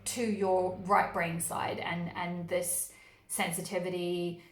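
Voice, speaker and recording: A woman's voice: fairly low pitch, little pitch movement, takes it slowly. Rambling New Zealand woman reading tarot. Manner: rambling, many fillers and restarts, laughs often. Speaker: tarot reader. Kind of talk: casual intuitive tarot reading. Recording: roomy echo.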